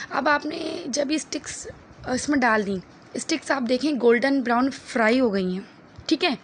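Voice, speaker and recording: Female cooking host, slightly high pitch, a bit of a sore throat, patient step-by-step instruction with frequent "okay" check-ins. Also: a little hiss or hum. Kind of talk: cooking tutorial narration.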